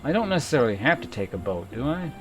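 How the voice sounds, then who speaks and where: Casual male gamer over clear music. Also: mid-range voice, very animated, fast talker. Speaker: game streamer. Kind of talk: casual playthrough commentary.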